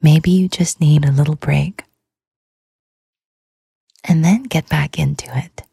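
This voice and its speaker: Female sleep-podcast host; slow, soothing whisper, gravelly and mellow. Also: low voice, fairly even intonation, no room sound, clean studio sound. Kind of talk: whispered ASMR sleep talk.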